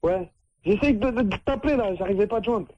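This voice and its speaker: A man's voice: sits high, quick pace, warm tone, dry recording, muffled recording. Laid-back man reassuring on the line. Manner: casual, soothing, dismissive. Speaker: prank accomplice posing as brother.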